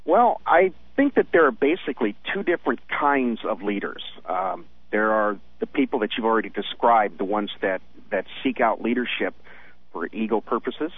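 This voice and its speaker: Husky lowish guy calling into radio, measured casual opinion, phone line sound. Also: lively intonation, no echo. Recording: muffled narrow phone line.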